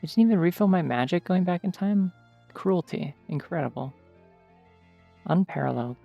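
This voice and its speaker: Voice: mid-range voice, animated, normal speed, vocal fry, muffled recording, faint music behind. A streamer giving casual gameplay commentary late at night, tired, rambling with lots of "like" fillers.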